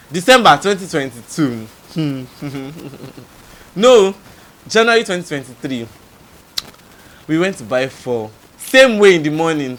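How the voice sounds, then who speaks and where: A young Nigerian man with a Nigerian accent, telling a storytime vlog in an animated way, his loudness swinging up and down. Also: mid-range voice. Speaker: vlogger. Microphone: camera mic.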